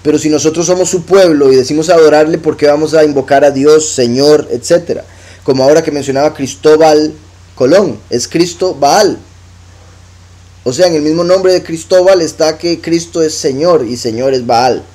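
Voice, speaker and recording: A man preaching in Latin American Spanish, reading verses slowly and explaining them conversationally. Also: on the high side, dark tone, rough recording. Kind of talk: scripture teaching.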